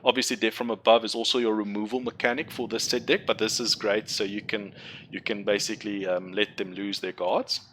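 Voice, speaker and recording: With a low-leaning, level, slightly bright voice, this young gaming content creator speaks briskly through casual tutorial commentary on building a card game deck. Afrikaans is his first language, and he rambles, self-corrects, and explains chattily. A little hiss or hum is audible.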